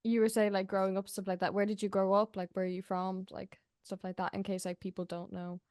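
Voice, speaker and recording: A young woman interviewing a guest in a casual chat, soft-spoken and filling her talk with "like". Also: medium pitch, monotone, brisk, clean tone, no echo, studio quality. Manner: soft-spoken, heavy use of "like".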